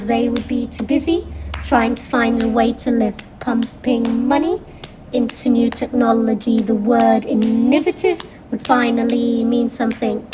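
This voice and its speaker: Woman poet, slow spoken-word reading, soft reflective delivery, loud music bed, fairly high voice. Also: low-quality recording.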